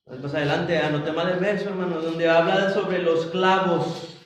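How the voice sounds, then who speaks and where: A man preaching a Bible study sermon as pastor, slow and halting, often restarting and turning to address his congregation. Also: a little high, steady tone. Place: church. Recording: roomy church hall, mic at a distance.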